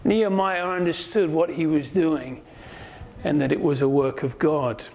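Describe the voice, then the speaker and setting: A man's voice: on the high side, a little slow, a little hiss or hum. A man teaching through a Bible passage verse by verse, acting out the voices of the people in the story as he goes. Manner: animated, acts out voices of enemies and Nehemiah.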